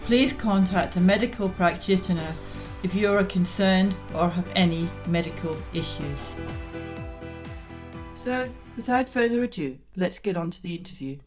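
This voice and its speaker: A woman's voice: on the low side, moderate pace, over music. A woman hosting a podcast interview, speaking in a friendly, encouraging way with brief affirmations. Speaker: podcast host.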